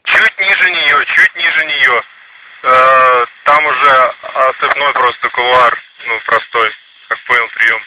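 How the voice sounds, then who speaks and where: A man's voice: mid-range voice, unhurried, bright, forceful tone. A man reporting over a crackly walkie-talkie in clipped, procedural radio phrases, repeating himself for confirmation. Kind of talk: two-way radio exchange, procedural call-outs. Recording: crackly two-way radio transmission.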